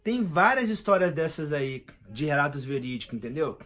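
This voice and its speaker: A man in his thirties with a Brazilian Portuguese accent vlogs in a casual, rambling monologue full of slang and emphasis. His voice is fairly high and a bit bright, with big pitch swings and a normal speed.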